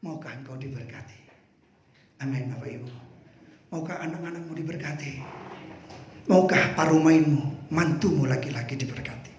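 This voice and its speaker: A man preaching a sermon, animated and emphatic, breaking into shouts. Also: a little high, normal speed, long pauses, slight background noise. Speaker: pastor. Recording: echoey room with faint ambience.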